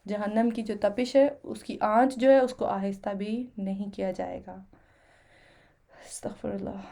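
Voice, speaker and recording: A woman giving a Quran lesson, reciting Arabic slowly and then explaining each phrase in Urdu with everyday examples. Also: mid-range voice, fairly even intonation, vocal fry, warm tone. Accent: Pakistani Urdu. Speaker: Quran teacher. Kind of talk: word-by-word Quran translation lesson.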